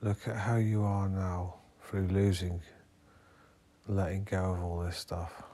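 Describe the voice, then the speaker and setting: A male therapist guides a hypnotherapy meditation, giving hushed instructions in spaced-out phrases. His voice is low, level in tone and slow.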